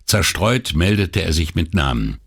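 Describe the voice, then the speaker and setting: A man reading a crime novel aloud in a measured, steady scripted narration. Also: deep voice, husky. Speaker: audiobook narrator.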